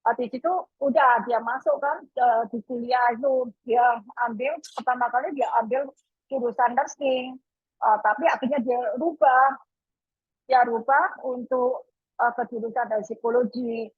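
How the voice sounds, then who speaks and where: Mom telling her kid's story, husky, lots of "eh", acts out who said what, dry muffled radio sound. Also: fairly high pitch, steady tone, no room sound. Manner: halting storytelling with many fillers, acting out quoted dialogue. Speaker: mother telling a personal story. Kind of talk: personal testimony.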